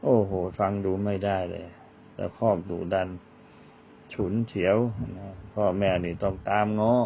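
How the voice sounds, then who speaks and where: Gravelly man preaching, tinny recording. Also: fairly even intonation, unhurried, slight background noise. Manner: recites Arabic verses then explains in Thai, acts out quoted speech. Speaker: Islamic teacher. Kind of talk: religious lecture. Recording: tinny phone-like low-fi recording.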